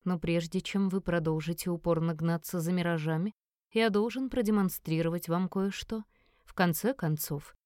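Woman reading as a calm elderly mayor. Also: on the low side, no room sound, clean studio sound, lightly acted. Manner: calm, measured, slightly mocking.

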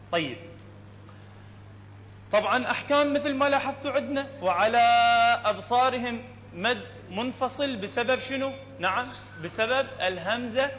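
A man with an Iraqi accent teaching Quran recitation in a classroom lesson, explaining step by step and often checking that it is clear. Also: high-pitched. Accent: Iraqi Arabic. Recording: echoey hall, dull lo-fi sound, faint room noise.

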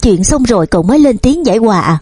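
A woman's voice: a little high, animated, fast, breathy edge, no room sound, faint music behind. A woman reading as a spiteful stepmother. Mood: angry. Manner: sharp, cold, shouting. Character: bitter, spiteful middle-aged stepmother.

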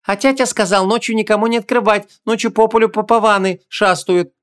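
A man's voice: high-pitched, fairly even intonation, fairly quick, fairly bright tone, pitched above the performer's own voice. A man voicing a distrustful little village boy with ringing, rustic childish talk. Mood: wary childish.

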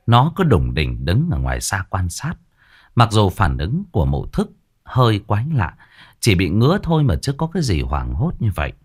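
A man tells a ghost story. His voice sits low, and his pitch swings widely as he builds the scenes. The narration is scripted and dramatic. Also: breathy edge.

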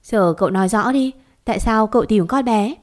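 A woman voicing a kind, motherly village woman who speaks gently and turns tearful. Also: medium pitch, a little fast, lightly acted. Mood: gentle.

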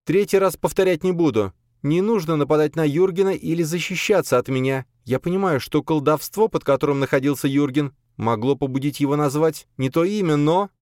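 A woman's voice: sits low, brisk, few pauses, darkish tone, no echo, studio quality, voice pushed up, close to an everyday voice. A man voicing a stern, authoritative woman who runs her household, speaking curtly. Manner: curt, authoritative. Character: stern commanding lady of the house.

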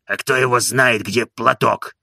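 Guy doing a grouchy old servant, gravelly and husky, drags his words, put-upon. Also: medium pitch, sharp tone, no echo, studio quality, heavily acted. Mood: grumbling. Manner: slow, grumbling, aggrieved. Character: grumbling old male manservant, sulky and put-upon.

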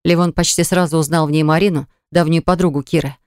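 A reader telling a romance story in steady, expressive audiobook narration. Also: medium pitch, fast, clean tone, no echo, clean studio sound.

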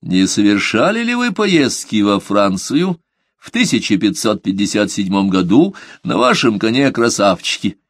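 A man's voice: fairly low pitch, sing-song, moderate pace, dry recording, studio quality. A man voicing a stern male inquisitor who questions coldly and probingly in an audiobook. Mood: interrogating. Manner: cold probing interrogation. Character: stern grim male inquisitor, older cleric. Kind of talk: audiobook character reading.

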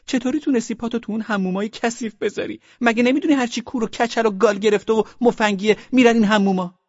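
A man's voice: very high voice, steady tone, no room sound, dull audio, pitched above the performer's own voice. A man narrating an audiobook voices a fussy bride obsessed with cleanliness, who shrieks orders and scolds with disgust. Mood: disgusted scolding. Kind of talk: audiobook character voice.

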